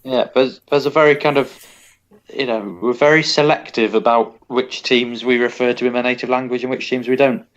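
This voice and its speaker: A man chats about football in a loose, rambling way. He corrects himself and makes dry asides. His mid-pitched voice comes through slightly dull and lo-fi. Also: steady tone, moderate pace. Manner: rambling, self-correcting, wry. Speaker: podcast co-host. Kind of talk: casual football chat.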